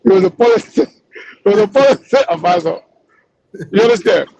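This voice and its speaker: A man's voice: high voice, expressive, brisk, a little mellow, no room sound, lo-fi sound. A man on a conference call line that breaks up, talking insistently and repeating himself as a panelist in a casual call-in chat. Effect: heard over a conference call line that breaks up. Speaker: panelist on a call-in talk show.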